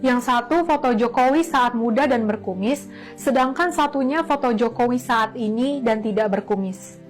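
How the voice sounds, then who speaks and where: A woman with a somewhat high voice reads a scripted news-style narration. Her delivery is even and reporting, with soft music running under her words. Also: moderate pace.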